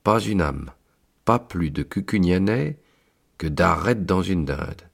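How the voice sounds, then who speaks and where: A man voicing a kindly old Saint Peter, keeper of heaven's book, in a fatherly, unhurried tone. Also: deep voice, lively intonation, vocal fry, breathy edge, exaggerated voice. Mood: consoling. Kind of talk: storytelling read-aloud.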